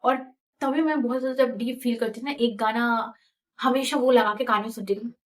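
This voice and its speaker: A young woman in her twenties casually telling her own story, chatty and animated, slipping English phrases into her talk. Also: a little high, normal speed. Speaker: vlogger.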